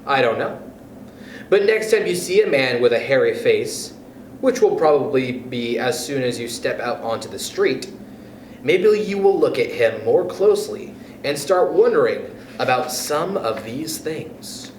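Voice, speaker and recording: A man hosts storytime, reading a children's book expressively and speaking directly to young listeners. His mid-range voice is animated yet unhurried, recorded in an echoey room with background noise.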